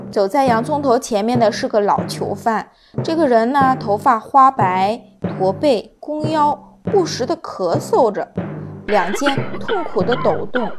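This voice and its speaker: A woman reads a children's story slowly and gently, her voice sitting fairly high. Soft music plays faintly behind her. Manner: slow, gentle, drawn-out.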